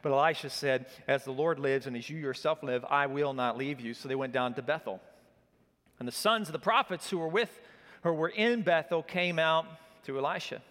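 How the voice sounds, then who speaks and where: A middle-aged man from Oklahoma, preaching a sermon as an animated storyteller whose energy rises as he gets excited. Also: fairly high pitch, moderate pace. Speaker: pastor. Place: church hall. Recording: long reverb of a church hall.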